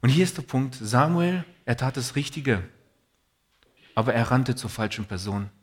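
Husky preacher telling a story. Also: male voice, mid-range voice, normal speed. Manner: earnest, personal storytelling with Bible readings. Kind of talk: sermon.

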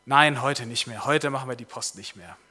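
A man preaching plays a tired, commanding king who is quick to anger, in a telling of a story. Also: medium pitch, pushed and bright, breathy edge. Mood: weary. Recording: long reverb of a large hall.

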